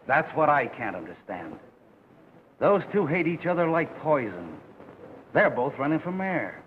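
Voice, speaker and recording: An actor playing a surly middle-aged American sideshow owner in a 1930s crime film, blunt, slangy and scornful. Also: male voice, on the high side, sing-song, unhurried, narrow, tinny audio. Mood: scornful, irritated. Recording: thin, hissy 1930s film soundtrack.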